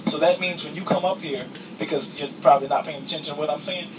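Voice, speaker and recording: A male flight attendant delivers a comic cabin announcement from some distance, through obvious background noise. His voice sits a little high for a man, and he talks with dry, mock-stern sass, repeating himself for emphasis. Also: steady tone, fast talker, muffled recording. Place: aircraft cabin. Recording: distant, noisy aircraft cabin capture.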